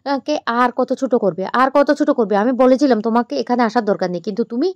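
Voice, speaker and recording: A woman's voice: on the high side, fast, no room sound, dull audio, close to an everyday voice. A woman voicing an angry young husband who gives furious, commanding orders.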